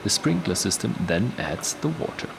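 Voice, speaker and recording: A man's voice: lowish voice, big pitch swings, moderate pace, vocal fry. A man presenting a descriptive tour, recorded on location with noise around him. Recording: noisy location sound, background hum.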